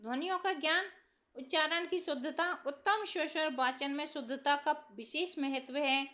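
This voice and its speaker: A woman teacher reading exam answers aloud from study notes in a steady, dictation-like way, announcing each question number. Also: sits high, moderate pace.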